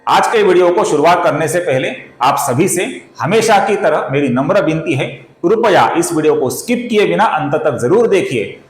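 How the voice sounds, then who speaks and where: A man teaching the correct pronunciation of a Sanskrit verse, explaining earnestly and chanting words slowly, with soft music behind him. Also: a little high, expressive, reverberant, poor audio. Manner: addresses viewers as friends, earnest explaining. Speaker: spiritual YouTube teacher. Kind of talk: Sanskrit recitation lesson.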